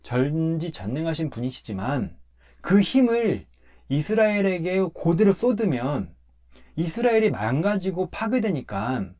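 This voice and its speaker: A man, a pastor, talking through a Bible passage in a relaxed conversational way, emphatic as he explains step by step. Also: fairly high pitch, measured pace.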